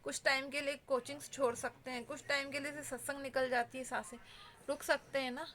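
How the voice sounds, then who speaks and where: A woman's voice: sits high, flat delivery, brisk, a bit bright. A woman vlogger giving heartfelt advice straight to her viewers, earnest and pleading in a conversational way.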